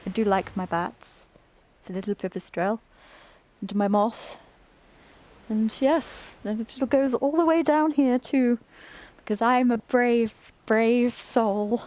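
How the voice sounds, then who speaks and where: A woman's voice: fairly high pitch, slow pace, a little mellow, highs cut off. A British woman streaming a game, chatting casually, giggling and poking fun at herself as she trips over words. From Britain. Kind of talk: casual live-stream chat while playing.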